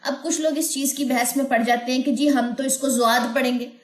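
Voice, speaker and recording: A woman's voice: high-pitched, fairly even intonation, reverberant. Woman teaching Quran recitation, chanting verses. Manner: explains patiently, then chants verses slowly and melodically. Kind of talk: recorded online lesson.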